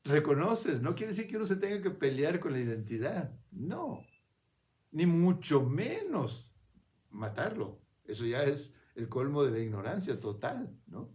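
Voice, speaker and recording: A man with a slightly raised voice gives a reflective spiritual talk. He speaks in an unhurried, conversational way and often turns to his listener for a quick nod. He restarts phrases as he works his thoughts out aloud. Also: fairly high pitch, sing-song, a little mellow. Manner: conversational, keeps checking in with "¿ves?" and "¿no?".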